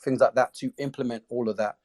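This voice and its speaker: A man's voice: mid-range voice, fairly even intonation, quick pace, darkish tone. A man talking casually in an interview, explaining the project he founded. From came to the UK as a child refugee.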